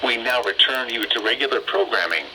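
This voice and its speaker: A male announcer reads an automated weather alert test, pacing each county name evenly. His pitch sits at a middling, ordinary level. The broadcast comes through with a clear layer of radio hiss and static behind it. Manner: measured, even reading of place lists.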